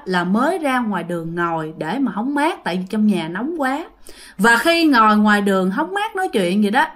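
Woman, storyteller, chatty ghost story, animated pitch. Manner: chatty, addresses listeners directly. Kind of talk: retelling a listener's ghost story.

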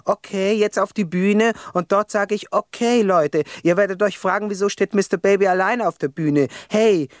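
A man's voice: high voice, moderate pace, few pauses, no room sound, studio quality, lightly acted. An actor playing a young male rapper on death row, telling his story in a profane, agitated radio-play monologue. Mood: restless. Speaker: narrator of his own story.

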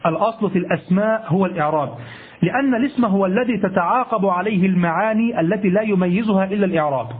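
Husky-voiced man teaching grammar. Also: sits high, rapid-fire. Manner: repeats phrases, checks listeners with "ha?"; self-correcting, asks rhetorical questions. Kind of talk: classroom lecture on Arabic grammar. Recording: tinny lo-fi phone-like recording.

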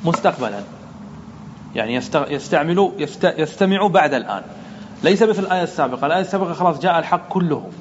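A man's voice: on the high side, expressive, very fast, highs cut off, slight background noise. A man, a sheikh, teaching a grammar lesson in a methodical way, asking and answering his own questions.

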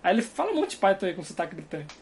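His pitch swoops wildly as he races along, high and edged with vocal fry. He's a young man from Brazil with a Carioca accent, a guest chatting casually and rambling from a dorm room, often laughing.

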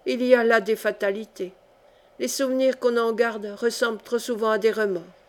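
A woman's voice: fairly high pitch, fairly even intonation, moderate pace, close to an everyday voice. A woman reading the part of a devoted noble countess speaking tenderly and fervently to her daughter in an audiobook. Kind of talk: audiobook reading of a historical novel.

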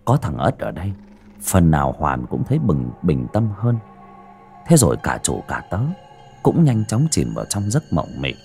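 A man narrating a scripted horror story with a dramatic, breathy delivery. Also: a bass voice, big pitch swings, moderate pace, darkish tone. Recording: faint background music.

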